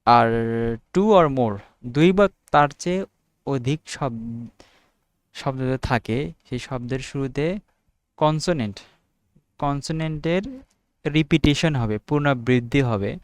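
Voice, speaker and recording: Smooth-voiced young Bangladeshi man thinking aloud. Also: mid-range voice, no echo. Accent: Bangladeshi Bengali. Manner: thinks aloud, reads English definitions slowly word by word. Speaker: student making study videos. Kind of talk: informal unedited study lesson.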